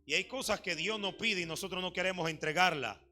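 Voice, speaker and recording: A man preaching a sermon at a church service, pressing his points through repeated phrases and questions put to the congregation. His voice sits high and rings with a sharp, very bright edge. Soft instrumental music plays quietly behind him. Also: fairly quick. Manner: repetitive rhetorical questions to the congregation. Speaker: pastor.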